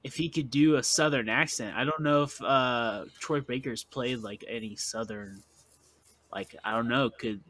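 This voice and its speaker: A man co-hosting a casual gaming podcast, relaxed and thinking aloud, with many fillers. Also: medium pitch, moderate pace. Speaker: podcast co-host.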